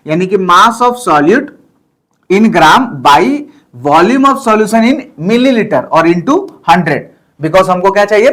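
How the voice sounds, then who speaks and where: A man teaching a chemistry lesson in speech, mixing in English terms and explaining step by step with frequent check-ins. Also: sits high. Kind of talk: classroom lecture.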